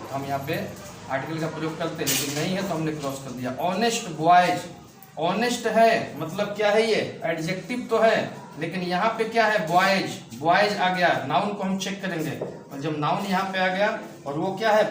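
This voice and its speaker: A man's voice: fairly high pitch, slight background noise. A man teaching a grammar lesson, asking his class questions and answering them himself. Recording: echoey room, mic at a distance.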